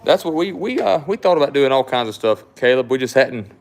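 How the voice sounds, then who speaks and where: With a medium-pitched, expressive voice and a brisk pace, a Southern-accented man from South Mississippi runs a relaxed livestream. The knife shop owner rambles and repeats words as he reads comments from viewers.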